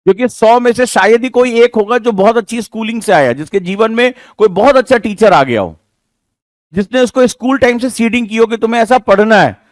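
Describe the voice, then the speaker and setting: Emphatic high-voiced male lecturer. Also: brisk, no room sound. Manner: emphatic, rhetorical, scolding-but-jokey teacher talk. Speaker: exam coaching teacher. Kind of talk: classroom lecture to students. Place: classroom with students.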